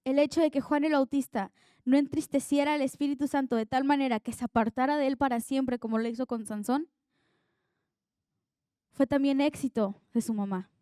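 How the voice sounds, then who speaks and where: A woman's voice: high voice, moderate pace, mellow, no room sound, studio quality. A young woman preaching an earnest, conversational sermon that draws on her own life.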